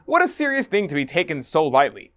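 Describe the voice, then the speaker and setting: A man's voice: on the high side, wildly swooping pitch, quick pace, fairly bright tone. A man hosting and narrating in an earnest, preachy scripted manner. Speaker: host.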